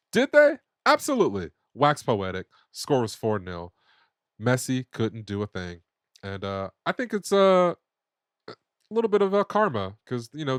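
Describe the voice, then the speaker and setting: A young man hosts a soccer talk podcast in a loose, opinionated manner, full of fillers and quick restarts. His voice sits at a middling pitch and is recorded close and dry, with no room sound. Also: dry recording. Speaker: podcast host. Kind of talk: casual sports chat.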